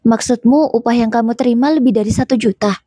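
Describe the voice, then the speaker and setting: A woman's voice: fairly high pitch, fast, dark tone, no room sound, clean studio sound, lightly acted. A woman voicing a meek adult husband who pleads and apologizes in a coaxing tone. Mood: probing.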